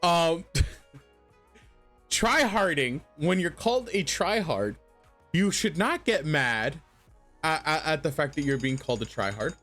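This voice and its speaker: Male streamer, lively swoops, slightly high register, foul-mouthed blunt rants, loose off-the-cuff delivery. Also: slow, pauses often, soft background music. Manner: profane, blunt, ranting; rambling, stammering repetition. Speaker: streamer reacting to a video. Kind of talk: casual livestream commentary.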